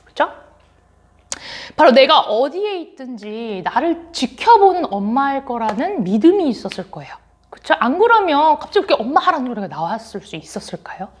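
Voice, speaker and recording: A young woman giving a children's sermon in an animated storytelling way, acting out what people said and laughing as she tells it. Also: high-pitched, normal speed. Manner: animated, acts out quotes, laughs while telling. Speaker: children's ministry preacher.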